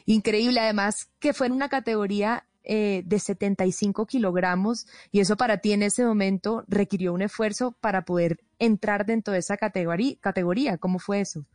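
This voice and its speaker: An effusive female radio co-host with a coastal Colombian accent. She interviews in an excitable manner, with a medium-pitched voice and a close, dry sound. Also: fairly quick, hardly any pauses, dry recording. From Colombian Caribbean coast.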